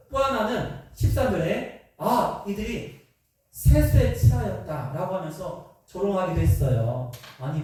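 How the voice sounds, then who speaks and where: A man preaching a Sunday afternoon sermon as pastor, animated and asking the congregation rhetorical questions. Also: fairly high pitch. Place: church sanctuary. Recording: echoey church from a distant mic.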